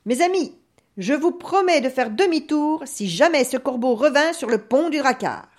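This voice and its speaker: A woman voicing a headstrong young male viking chief who gives loud, commanding orders. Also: high-pitched, lively intonation, normal speed, pitched above the performer's own voice. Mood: rousing. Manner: commanding, boisterous, shouting orders.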